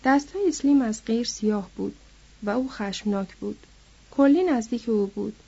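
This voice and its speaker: A woman reading a novel aloud in a steady storytelling manner, on a dull lo-fi recording. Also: fairly high pitch, vocal fry, breathy edge. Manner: steady storytelling, lifting her voice for quoted characters.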